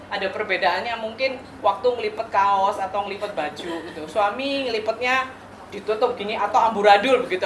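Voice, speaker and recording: A woman's voice: medium pitch, a little hiss or hum. Woman pastor preaching in an echoey venue. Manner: warm teaching tone with playful asides and rhetorical questions. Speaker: pastor officiating a wedding. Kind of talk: wedding sermon. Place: church or wedding venue. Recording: echoey venue with faint ambience.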